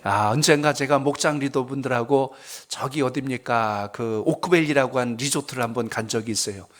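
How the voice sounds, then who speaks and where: A man's voice: mid-range voice, normal speed. A male pastor preaching a sermon at a prayer service, telling stories and asking the congregation questions. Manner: conversational storytelling, asks the congregation questions.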